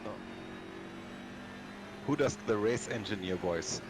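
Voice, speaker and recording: A man's voice: on the low side, lively intonation, takes it slowly. A man chatting casually as a teammate during a sim race. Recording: clear engine noise behind voice. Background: racing car sounds.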